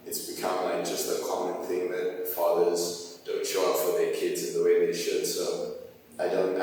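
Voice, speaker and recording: A young man, talking hesitantly and softly with plenty of fillers in a casual family conversation. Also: low-pitched, slight background noise. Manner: hesitant, soft-spoken, many fillers. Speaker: guest, host's son. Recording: echoey hall, distant mic.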